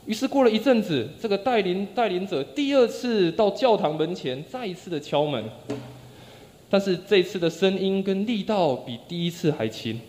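A man preaches a sermon in a church sanctuary, his fairly high voice carrying a long reverb. He tells stories and acts out quotes, letting his phrases fall soft and low at their ends. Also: expressive, moderate pace, a little hiss or hum.

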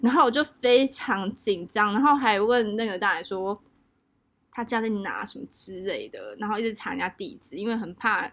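A young woman with a Taiwanese Mandarin accent chatting casually, telling a story in an animated, exaggerated way. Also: medium pitch, moderate pace. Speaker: podcast co-host. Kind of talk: casual chat. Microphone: home test recording.

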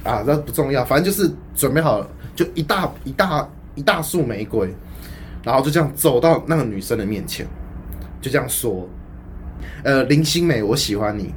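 A man's voice: medium pitch, moderate pace, slight background noise. Laughing Taiwanese man telling a story. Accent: Taiwanese Mandarin. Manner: animated storyteller, acts out quotes, laughs often. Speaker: podcast co-host telling a childhood story. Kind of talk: casual chat.

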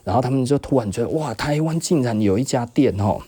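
A man's voice: medium pitch, lively intonation, fast talker, dark tone, slightly rough. A middle-aged man with a Taiwanese Mandarin accent, telling a story casually as a podcast host and acting out both sides of old conversations. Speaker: podcast host, shop owner.

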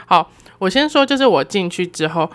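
Young woman with a Taiwanese Mandarin accent, solo podcast host; lower-pitched, animated and self-mocking delivery. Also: normal speed. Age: 20s. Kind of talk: casual solo storytelling.

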